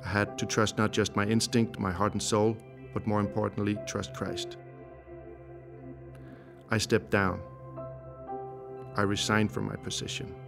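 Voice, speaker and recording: A man in his forties from Denmark, a native Danish speaker, reading a measured, reflective testimony. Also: lowish voice, little pitch movement, creaky. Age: 40s. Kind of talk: scripted testimony narration. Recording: voice-over with guitar music behind.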